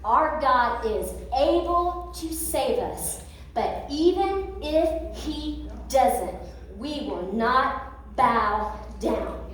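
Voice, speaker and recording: A woman voicing three faithful young men who answer a king slowly and firmly, in an echoey hall. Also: sits high, lively intonation, a bit bright, distant mic, heavily acted. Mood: solemn.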